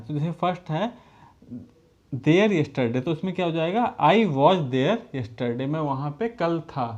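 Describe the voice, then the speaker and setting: Patient teacher dictating slowly, lo-fi. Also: male voice, on the high side, darkish tone. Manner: patient, reads English sentences slowly word by word and repeats them; addresses the pupils as children. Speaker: school teacher. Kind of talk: recorded classroom lesson. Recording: dull lo-fi recording.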